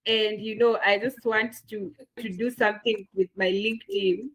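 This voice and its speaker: Her voice is mid-range, steady and slightly rough, at a normal speed, heard through poor audio. She's a woman with a Kenyan accent moderating the end of an online masterclass, eager in tone and prone to fillers and repeating herself.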